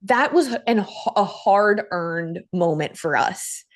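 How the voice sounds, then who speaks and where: A woman hosting a podcast, telling a personal story in an animated way with quick asides. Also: medium pitch. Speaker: podcast host. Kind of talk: casual interview chat.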